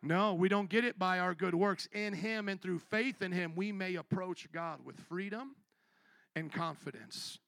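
A male pastor preaching a sermon, calling out to his congregation for responses and moving from low, quiet passages up to loud shouted peaks. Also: measured pace, no room sound.

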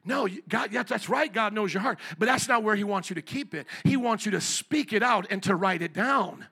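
A pastor preaching a sermon into a pulpit microphone in a church, calling out to the congregation for amens. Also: male voice, sits high, brisk, creaky, pushed and bright, breathy edge. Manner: emphatic call-and-response preaching. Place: church sanctuary.

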